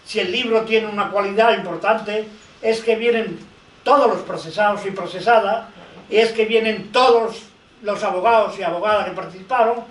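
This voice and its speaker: A man's voice: high-pitched, steady tone, normal speed. An older man on a conference panel, telling anecdotes and quoting dialogue as he speaks. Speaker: lawyer and researcher speaking on a panel. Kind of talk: conference talk. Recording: echoey hall, distant mic.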